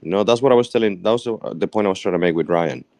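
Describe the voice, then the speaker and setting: A man's voice: low-pitched, rapid-fire, a little mellow, no room sound. A man with a British accent chatting on a trading stream, talking things through in a reflective, rambling way. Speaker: fellow trader on stream. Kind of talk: casual stream chat.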